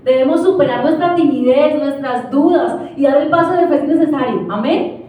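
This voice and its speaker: A woman's voice: high-pitched, moderate pace, mellow, very echoey, far from the mic, low-quality recording. A woman pastor preaching a passionate sermon, asking the congregation questions. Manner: impassioned, asks the congregation questions. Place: church.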